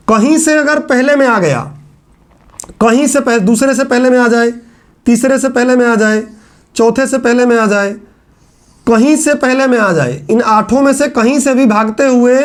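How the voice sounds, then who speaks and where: High-voiced male lecturer, repetitive. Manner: conversational, repeats phrases for emphasis. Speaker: teacher. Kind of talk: classroom lecture.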